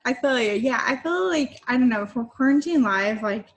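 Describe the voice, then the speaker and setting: A woman's voice: on the high side, animated, normal speed. A woman from Puerto Rico hosting a book podcast, chatting casually with many fillers. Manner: rambling, many fillers like "like" and "I don't know". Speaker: podcast host. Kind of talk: casual interview chat.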